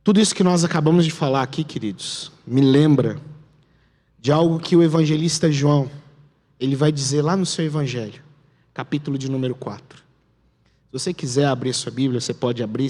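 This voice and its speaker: A man with a Brazilian Portuguese accent preaching a sermon as pastor, telling the story dramatically and dropping to a hush at key moments. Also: fairly high pitch. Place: church sanctuary. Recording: long church hall reverb.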